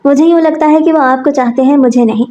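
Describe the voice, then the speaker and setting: A woman reading aloud as a meek young second wife in a spoken story, soft and pleading. The voice sits a little high, with a mellow, warm tone. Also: fast, a little hiss or hum, natural voice.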